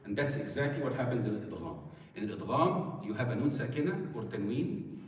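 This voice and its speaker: A man's voice: medium pitch, slight background noise. Male recitation teacher, methodical lesson delivery, distant mic, very roomy echo. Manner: explains step by step, recites short examples slowly. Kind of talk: classroom lesson. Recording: distant echoey hall with long reverb.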